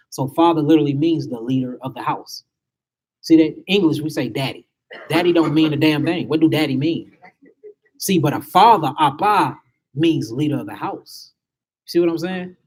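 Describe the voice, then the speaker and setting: A man's voice: fairly high pitch, a little mellow, slightly rough. A man giving an emphatic spiritual lecture to a small group, asking his listeners rhetorical questions.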